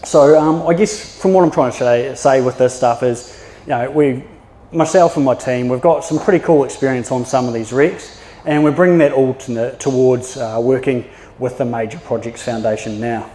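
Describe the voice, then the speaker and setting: In an echoey yacht club function room with long reverb, a maritime archaeologist in his thirties speaks with a New Zealand accent, telling anecdotes in a chatty public talk with lots of fillers and restarts. His voice is mid-range and warm, at a moderate pace, with a little hiss or hum on the recording.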